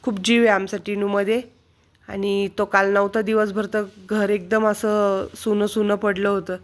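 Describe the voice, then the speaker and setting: A woman's voice: medium pitch, little pitch movement, normal speed. A woman in a casual home vlog, talking in coaxing baby talk to her pet parrot. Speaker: vlogger.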